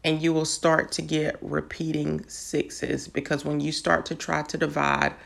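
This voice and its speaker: A woman's voice: low-pitched, monotone, measured pace, creaky, fairly bright tone. A woman patiently explaining math step by step in an online lesson. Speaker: math teacher.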